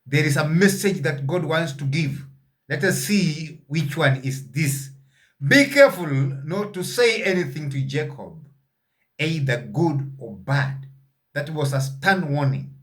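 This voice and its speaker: A man reading Bible verses aloud and explaining them in a sermon, pausing often with fillers and putting questions to his listeners. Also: a little high, animated, fairly bright tone. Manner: halting, with frequent "uh" fillers. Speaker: Bible teacher.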